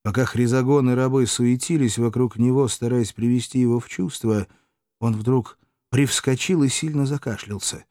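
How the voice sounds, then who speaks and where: A man's voice: medium pitch, normal speed, warm tone, no room sound, clean studio sound. Man reading a novel aloud. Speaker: narrator. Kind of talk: audiobook reading of a historical novel.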